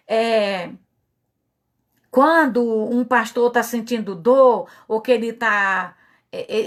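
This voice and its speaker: A middle-aged woman with a Brazilian Portuguese accent speaks as a pastor sharing her testimony. Her voice sits a little high, and she talks in an earnest, openly emotional, confessional way. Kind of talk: personal testimony talk.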